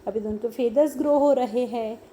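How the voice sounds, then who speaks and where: A woman's voice: a little high, mellow, muffled recording, slight background noise. A woman teacher reads a children's story aloud line by line and explains each line in Hindi, asking the children questions. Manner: reads English lines slowly, then explains in Hindi; asks children questions, patient and encouraging.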